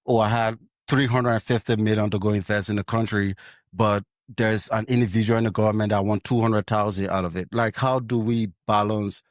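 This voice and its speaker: A man's voice: on the low side, steady tone, a little fast, dry recording, studio quality. A man from Liberia, a guest on a podcast, asking probing, frustrated questions in casual discussion.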